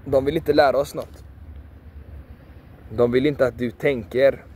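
A man's voice: mid-range voice, fairly even intonation, darkish tone, husky. Emphatic man preaching outdoors. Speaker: video creator. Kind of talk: passionate motivational monologue.

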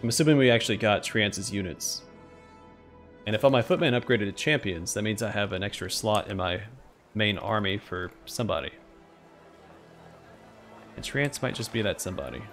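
A man's voice: on the low side, moderate pace, long pauses, fairly bright tone, faint music behind. A man hosting a let's play, narrating game text and adding casual commentary.

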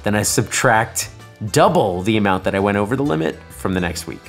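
A man who runs pizza tours, explaining in a relaxed, matter-of-fact way in an interview clip. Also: lowish voice, brisk, gravelly, soft background music. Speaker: pizza tour guide.

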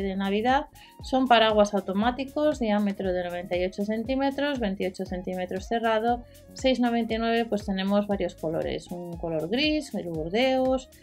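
A woman's voice: medium pitch, darkish tone. A woman from hosting a deals channel, reading out prices and product details with small fillers, as a voice-over. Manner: listing prices and specs with fillers. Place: voice-over over screen recording.

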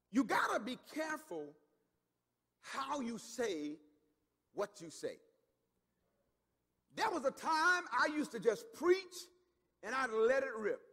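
A male pastor preaching a sermon, swinging from low, intimate asides up to emphatic shouts, and repeating words as he builds his point. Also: wildly swooping pitch, slow, long pauses, long reverb tail. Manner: repeats words and acts out quoted voices.

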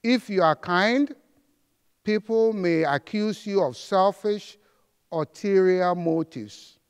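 A middle-aged man giving a formal commencement address on an auditorium stage, reciting with slow, measured pauses. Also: sits high, clear, resonant tone. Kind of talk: formal ceremonial speech. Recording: long hall reverb.

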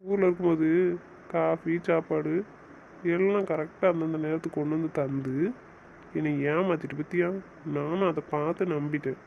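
A man's voice: on the high side, fairly even intonation, normal speed, vocal fry, long pauses, phone-quality sound, slight background noise. Teasing young husband, as a man voices him. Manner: teasing, scolding banter. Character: teasing young husband, bossy but playful. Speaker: husband in an audio romance series.

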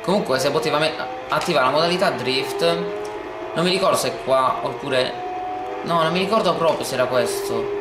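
A man commentating his racing game let's play, excitable and swearing often, talking over the game sounds. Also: medium pitch. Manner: says he talks oddly when excited on video. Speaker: gameplay video host. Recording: echoey room with loud game music.

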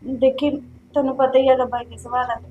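A woman's voice: high-pitched, little pitch movement, brisk, phone-quality sound, lightly acted. An actress playing a frightened young woman who pleads with her sister-in-law, with a Punjabi accent. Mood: pleading. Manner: pleading, defensive. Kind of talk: village web-series drama.

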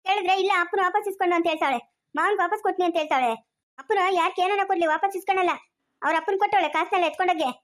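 High-pitched scolding village woman. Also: racing. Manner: scolding, sharp-tongued. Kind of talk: amateur family drama acting.

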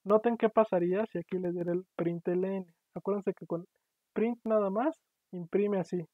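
Pitched high and steady in tone, a university lecturer talks at a normal speed through an online programming lesson. He's patient and keeps checking in with students. The recording is dry, tinny and phone-like, typical of online class audio.

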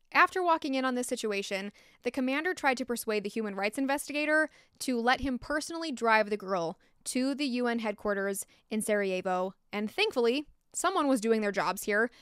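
A young adult American woman narrates a true-crime script briskly, with lively intonation and opinionated, informal asides. Her fairly high, fairly bright voice sounds clear and resonant with no echo, picked up close on a desktop microphone in a small log-walled room.

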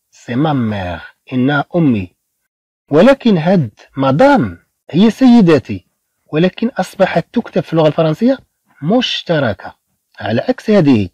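A man with a Moroccan accent teaching a beginner French lesson, slowly repeating each word for his students. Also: mid-range voice, dark tone, breathy edge, no echo, lo-fi sound. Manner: slow, repeats words for drills.

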